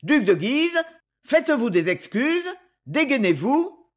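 Raspy male knight, proud and vehement, storybook reading, voiced by the narrator, lively pitch. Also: unhurried. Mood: stern. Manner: solemn, grave, vehement. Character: proud adventurer knight, fierce and wounded in honor.

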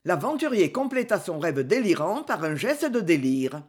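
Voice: mid-range voice, very animated, moderate pace, darkish tone, husky. An audiobook narrator giving a scripted, dramatic reading of a historical novel, phrase by phrase.

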